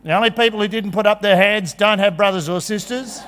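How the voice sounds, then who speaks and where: Lively man on stage. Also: high-pitched, fairly quick, a little hiss or hum. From Australia. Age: 50s. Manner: animated and jokey, acting out kids' voices. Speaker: conference speaker. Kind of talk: energetic presentation. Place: large conference hall. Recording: long hall reverb.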